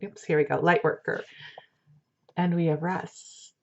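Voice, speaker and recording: Female oracle reader, fortune-teller manner: lowish pitch, conversational and gently reassuring, slightly muffled lo-fi recording. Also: fairly even intonation, moderate pace, creaky. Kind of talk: casual spiritual card reading in the manner of a fortune teller. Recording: dull lo-fi sound.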